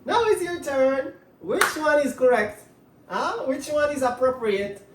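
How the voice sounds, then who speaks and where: In an echoey room with a far-off mic, a high-voiced woman walks viewers through English grammar as she writes, speaking word by word, repeating herself, and asking questions. She sounds animated but never rushed.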